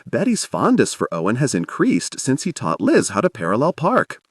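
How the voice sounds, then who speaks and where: Expressive male audiobook narrator. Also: mid-range voice, normal speed, breathy edge, no echo, clean studio sound. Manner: expressive, storytelling.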